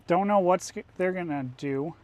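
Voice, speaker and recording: A man's voice: sits high, moderate pace, narrow, tinny audio. An American man giving casual live commentary as a storm chaser, thinking aloud while driving. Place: inside a moving car.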